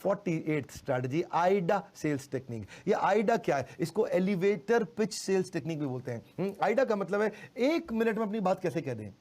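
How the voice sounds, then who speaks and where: A middle-aged man giving a motivational sales lecture, animated, slowly repeating key phrases for emphasis. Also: high-pitched. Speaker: sales trainer.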